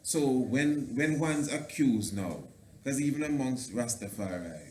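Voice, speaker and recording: A man's voice: mid-range voice, animated, a little slow, a little mellow. A man interviewing in Rastafarian speech, using "I and I" phrasing and circling his way through long, repeated questions. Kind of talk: interview, casual theological discussion. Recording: roomy echo, faint background noise.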